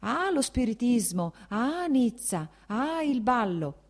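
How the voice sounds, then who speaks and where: A woman reading an audiobook, voicing an angry, blustering old prince who shouts and scoffs. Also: on the high side, big pitch swings, takes it slowly, pitched above the performer's own voice, full character voice. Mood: mocking. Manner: shouting, scornful, mocking.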